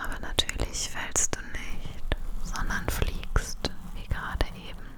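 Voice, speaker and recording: A woman guides the listener through an imagined dream journey entirely in a whisper. Her delivery is soft and dreamy, with very slow, soothing phrasing in an ASMR style. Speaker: guided relaxation narrator.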